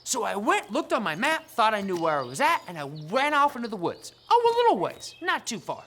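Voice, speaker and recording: A young woman teaching a children's church lesson, telling stories in a playful, animated way. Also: on the high side, brisk, a little hiss or hum. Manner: animated, playful storyteller with shouted sound effects. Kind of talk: lively kids' Bible lesson.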